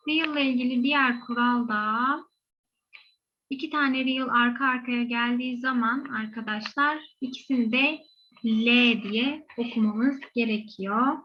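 A woman's voice: fairly high pitch, measured pace, muffled recording. A woman with a Korean accent teaching a language lesson patiently, repeating each example word two or three times. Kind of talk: slow step-by-step lesson, repeating example words.

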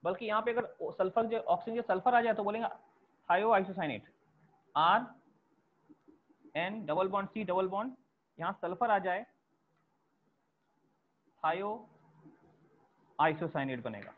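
Speaking at normal speed with long pauses, a high-voiced man teaches chemistry, breaking things down step by step and repeating key terms for note-taking. The audio sounds thin and lo-fi, like a phone.

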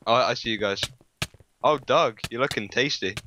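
Excitable gamer man, ordinary pitch, giggly play-by-play over faint noise. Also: moderate pace, muffled recording. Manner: laughs a lot, excited play-by-play. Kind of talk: casual gaming chat.

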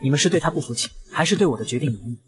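A man's voice: medium pitch, animated, rapid-fire, breathy edge. A man voicing a stern elderly gang boss who speaks in a cold, commanding way.

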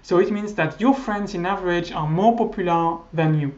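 With a voice that sits high and is a little mellow, a man in his thirties, French by first language, lectures over slides at normal speed in a recorded university class. He hesitates, restarts often and uses lots of fillers, captured on slightly dull, lo-fi audio.

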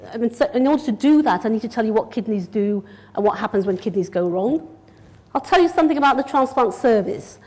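The speaker is a middle-aged consultant nephrologist from Yorkshire, England, with a fairly high, darkish voice. She gives a public lecture in an indoor lecture room through a lectern mic, keeping her delivery direct, organised and conversational.

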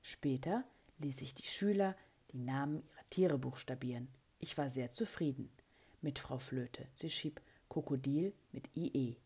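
Low, breathy woman reading a storybook. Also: unhurried. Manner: expressive, lively character voicing in quotes. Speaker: children's book reader. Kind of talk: reading a children's story aloud.

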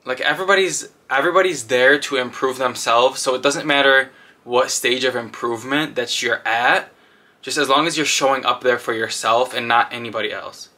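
A man's voice: mid-range voice, normal speed, sharp tone. A young man, chatting casually to the camera in a home vlog and rambling with lots of "like". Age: young adult. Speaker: vlogger. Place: home bathroom and bedroom, also car.

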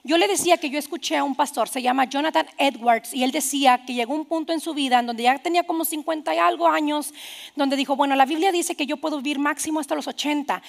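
Woman pastor, high voice, gravelly edge, animated sermon. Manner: animated, quoting others in asides.

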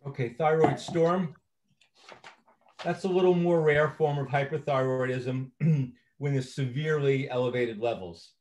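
A man's voice: mid-range voice, measured pace, a little mellow, slight background noise. Male presenter, conversational training lecture, filler-heavy delivery. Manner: conversational, frequent uh fillers and self-corrections.

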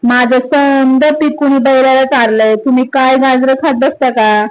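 A woman's voice: high voice, steady tone, unhurried, low-quality recording. A woman voicing an angry middle-aged farmer who scolds in rustic village speech. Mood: scolding.

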